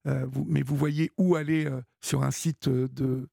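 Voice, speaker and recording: A man's voice: medium pitch, little pitch movement, measured pace, gravelly, warm tone, breathy edge, no room sound, studio quality. A man hosting a late-night call-in radio show, talking in a hesitant, encouraging way with many fillers. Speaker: radio host.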